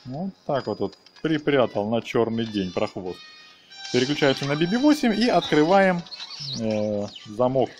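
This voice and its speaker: Music plays behind a let's player who explains each step of his game casually, fond of slang and diminutive forms. He's very animated yet keeps a measured pace, his voice at a medium pitch.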